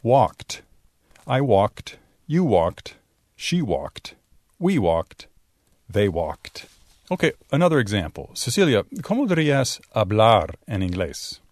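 A man teaching English pronunciation in a bilingual lesson, drawing out sounds slowly to demonstrate them. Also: on the low side, big pitch swings, a little mellow, no echo. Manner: slow, exaggerated demonstration of sounds. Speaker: Spanish-speaking English teacher.

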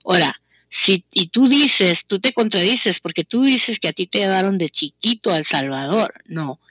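A woman's voice: mid-range voice, expressive, normal speed, slightly rough, no echo. Lecturing woman on a tinny phone line. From Houston, United States. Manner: lecturing, accusing. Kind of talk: heated call-in chat.

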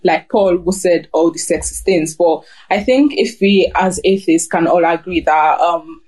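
Young woman from germany, lower voice, hesitant, fillers, phone. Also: a little slow, darkish tone. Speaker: participant in a group discussion. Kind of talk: casual discussion.

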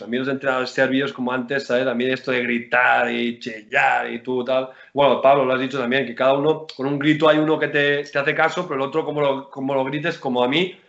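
Man, guest basketball player, animated and slangy, dull lo-fi sound. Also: medium pitch, roomy sound. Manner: animated, rambling, slangy, acts out shouts. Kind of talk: casual interview chat.

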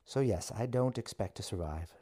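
A man voicing a witch who speaks deadpan and teasing, with a wry edge. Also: medium pitch, a little slow, voice pushed up, lightly acted. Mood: resigned. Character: wry, deadpan witch facing death, woman.

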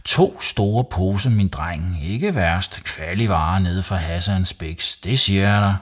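Cheerful storybook dad, a little husky, promising big things as the narrator voices him. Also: male voice, deep voice, expressive. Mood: jovial. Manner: jovial, boastful. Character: sleepy, good-humoured dad, boastful.

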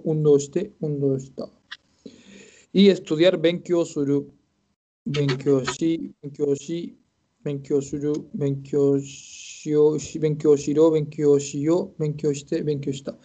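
A man's voice: on the high side, mellow. A man with a Chilean accent teaching a live-streamed class, methodically reciting verb forms aloud while checking homework, with self-mocking humor. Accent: Chilean Spanish. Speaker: Japanese language teacher.

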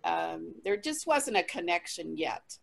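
A woman, a traveling minister, giving a candid personal testimony as an interview guest, lively, with frequent laughter and restarts. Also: fairly low pitch, measured pace, creaky.

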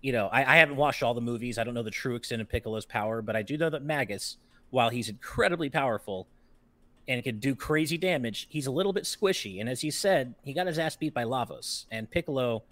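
A man co-hosts a gaming chat show, talking through games with friends in an easy, self-deprecating way. His voice sits in an ordinary middle pitch. The recording is dry and close. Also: animated, fairly bright tone, dry recording. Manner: chatty, self-deprecating, quick to laugh. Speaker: podcast co-host. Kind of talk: casual chat.

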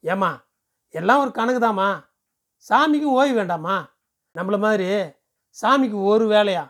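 A man voicing a pushy, smooth-talking male temple ticket seller who lectures briskly and persuasively. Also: high voice, expressive, fairly bright tone. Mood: brisk lecturing.

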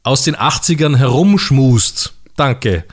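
A man's voice: mid-range voice, lively intonation, takes it slowly. A man co-hosting a radio comedy show, playing the dry, teasing straight man. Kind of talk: absurd comedic banter.

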